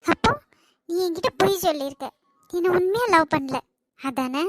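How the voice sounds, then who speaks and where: A woman's voice: very high voice, normal speed, very noisy. A woman voicing a lovesick young cartoon woman with a Kanyakumari Tamil accent, pleading and tearful with her ex. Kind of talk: cartoon voice acting.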